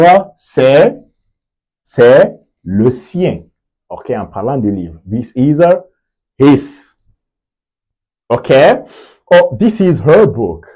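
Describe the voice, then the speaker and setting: Husky-voiced man teaching English pronouns. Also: mid-range voice, dark tone, rough recording. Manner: slow drilled repetition, frequent check-ins. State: sweaty, just came from the sports field. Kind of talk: video lesson, explaining in French with English examples.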